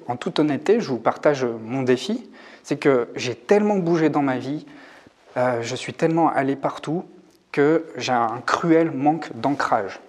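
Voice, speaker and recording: A man in his forties, a coach talking to camera in a reflective, hesitant way, often pausing to think aloud. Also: mid-range voice, darkish tone. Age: 40s. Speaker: YouTube coach on hypersensitivity. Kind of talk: casual talk to camera. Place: rented room.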